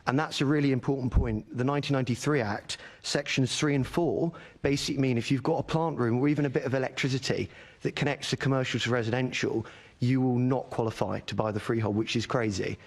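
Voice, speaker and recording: A man's voice: mid-range voice, fairly even intonation, fast. A man testifying before a committee as a leaseholder campaigner. He argues his points earnestly, in a mid-range voice, and often repeats a word to hammer it home. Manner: earnest, argumentative, repeats words for emphasis. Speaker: leaseholder campaigner giving evidence.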